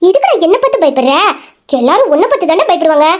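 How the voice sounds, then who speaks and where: A woman's voice: very high voice, sing-song, racing, darkish tone. A woman voicing a young wife in an audio drama, pleading with her angry husband and then taunting him. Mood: defiant, taunting. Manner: pleading, defiant. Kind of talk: Tamil audio drama acting.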